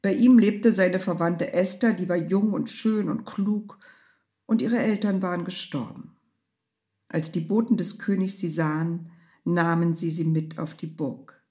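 A woman's voice: fairly low pitch, a little slow, mellow, husky. A woman narrating a storybook tale expressively, sometimes dropping to a whisper.

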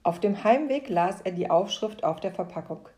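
A woman reading a playful children's story aloud, switching into lively voices for the quoted characters. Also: mid-range voice, moderate pace. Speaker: narrator.

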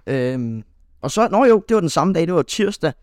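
A man's voice: on the high side, big pitch swings, darkish tone, no room sound, studio quality. A young man co-hosting a podcast, telling a rambling story in casual chat, full of fillers and restarts. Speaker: podcast co-host.

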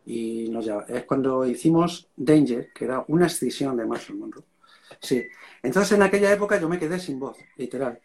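A man's voice: medium pitch, expressive, moderate pace, a little mellow. A man with a Spain Spanish accent, a rock singer telling stories in a casual interview and dropping slang as he goes. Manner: casual storytelling, slangy, keeps saying "mate".

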